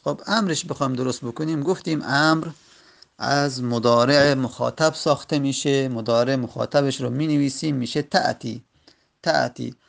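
A man teaching a grammar lesson, explaining each step methodically with short pauses. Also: medium pitch, gravelly.

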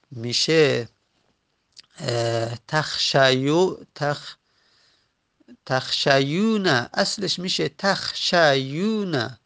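A man teaching a grammar lesson, patiently explaining and slowly repeating each example word. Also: a little high, creaky, a bit bright.

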